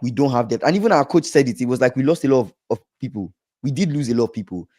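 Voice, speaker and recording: A man co-hosting a casual football podcast, emphatic and repetitive, a little hoarse. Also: mid-range voice, lively intonation, rapid-fire, a little mellow. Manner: emphatic, repeats himself, trails off. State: slightly hoarse from shouting. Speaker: podcast co-host.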